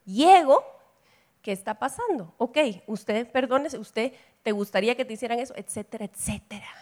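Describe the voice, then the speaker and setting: A middle-aged woman with a Central American Spanish accent, preaching a lively sermon and acting out family dialogue. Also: on the high side, moderate pace. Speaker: preacher at a women's gathering.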